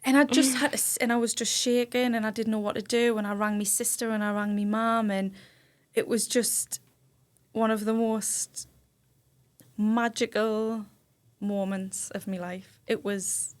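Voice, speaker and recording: In an indoor studio, a woman guest on a podcast tells a personal story with vivid emotion, acting out people's words in quoted dialogue. Her voice is fairly high with little pitch movement, and she speaks unhurriedly.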